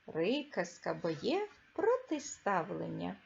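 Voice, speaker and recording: A woman teacher giving a reading lesson to young children, speaking clearly and with emphasis and stressing each word. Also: fairly low pitch, wildly swooping pitch, takes it slowly, highs cut off. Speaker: primary school teacher.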